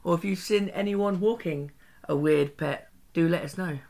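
A man's voice: on the high side, normal speed, creaky, darkish tone. A British man co-hosting a podcast in casual banter, with a jokey, self-deprecating way of talking. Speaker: podcast co-host.

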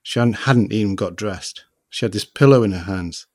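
A man reads the part of a troubled young father, tense and pleading. The voice is lowish and slightly raised for the figure. The sound is dry and close, with little room around it. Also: normal speed, a little mellow, dry recording, close to an everyday voice.

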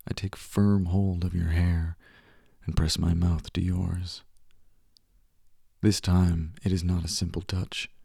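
A man narrates an intimate second-person roleplay in a low, husky murmur that often slips into a whisper. His delivery is slow and tender, with a dark, gravelly grain. The sound is close and dry, with no room around it. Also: no room sound. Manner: soft, hushed and often whispering; tender and reassuring. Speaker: audio roleplay performer.

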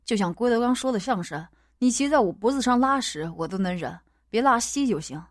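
A woman voicing a gloomy middle-aged male gang boss with a low, blunt and cold manner, as a character in an audiobook. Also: expressive, fairly quick, no echo, clean studio sound, lightly acted. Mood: placating.

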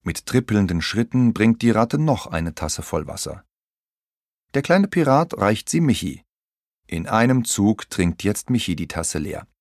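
A man narrating a children's audiobook in an expressive storytelling manner. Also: lowish voice, unhurried, no room sound, studio quality.

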